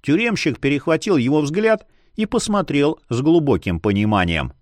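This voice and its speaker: A man narrating a fantasy audiobook in an expressive storytelling manner. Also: fairly high pitch, moderate pace, dry recording, studio quality.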